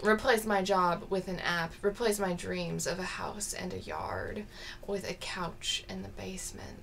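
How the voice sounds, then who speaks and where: Woman playing deadpan young poet, slow deliberate reading, gravelly. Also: mid-range voice, a little hiss or hum.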